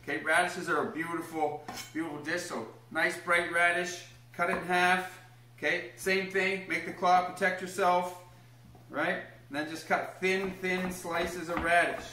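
A man's voice: high voice, little pitch movement, measured pace, sharp tone. A young man demonstrating a recipe in his home kitchen, upbeat and encouraging as he explains each step and cheers on a small child helping him. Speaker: home cooking host. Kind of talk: casual cooking demonstration. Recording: echoey kitchen room.

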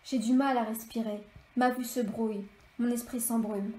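A woman author reading an extract of her novel aloud in steady, measured storytelling. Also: fairly high pitch, a little hiss or hum. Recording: echoey room.

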